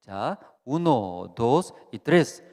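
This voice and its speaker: A man preaching at a Bible seminar, halting and repetitive, constantly checking in with the congregation. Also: medium pitch, big pitch swings, a little mellow, big-room sound. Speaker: pastor. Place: church hall.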